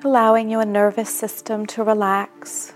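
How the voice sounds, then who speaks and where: A woman narrating a guided meditation in a soft, soothing manner with long pauses between phrases. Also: medium pitch, little pitch movement. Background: background music.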